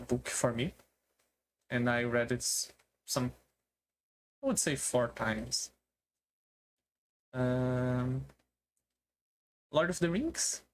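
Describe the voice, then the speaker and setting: A streamer talking casually in a halting way, with non-native English phrasing, on a solo stream. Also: mid-range voice, a little hiss or hum. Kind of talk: casual solo debut stream talk about favourite books and music.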